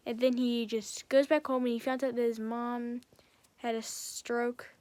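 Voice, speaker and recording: A woman's voice: on the high side, little pitch movement, unhurried, darkish tone, dry recording. Rambling woman retelling a film. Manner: rambling, strings events together with "and then". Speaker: film reviewer. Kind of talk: casual film recap.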